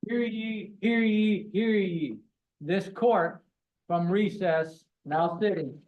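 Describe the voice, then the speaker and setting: Male court crier, high voice, ceremonial town crier calls, muffled courtroom recording. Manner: town crier style, slow drawn-out calls. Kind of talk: formal ceremonial proclamation calling court to session.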